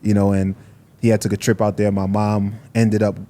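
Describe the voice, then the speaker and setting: A man's voice: fairly low pitch, little pitch movement, normal speed, dark tone, a little hiss or hum. A man from the United States, a fighter and podcast guest, talking in a laid-back, plainspoken, slangy way. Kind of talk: casual interview conversation.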